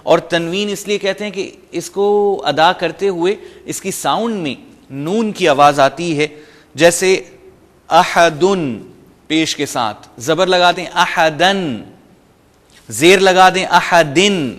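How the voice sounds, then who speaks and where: A man's voice: high-pitched, a bit bright. Man teaching with a long echo. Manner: patient step-by-step explaining, mixing in English terms; recites short Arabic phrases slowly between explanations. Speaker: Quran reading teacher. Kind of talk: explanatory lesson.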